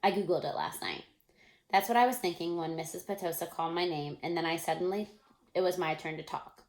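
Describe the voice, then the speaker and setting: Teacher reading a novel aloud, lowish voice, casual asides, self-corrections. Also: female voice, fairly quick, roomy sound.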